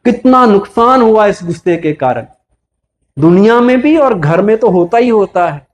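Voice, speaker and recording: Indian male spiritual speaker, high-pitched voice, lively preaching style that poses and answers questions, acts out quoted lines. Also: moderate pace. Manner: asks the audience questions and answers them himself. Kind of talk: motivational spiritual talk to a live audience.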